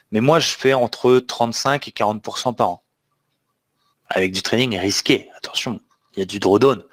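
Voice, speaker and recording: Emphatic man teaching a live trading webinar. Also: medium pitch. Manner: emphatic, asks the audience questions. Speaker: trading trainer.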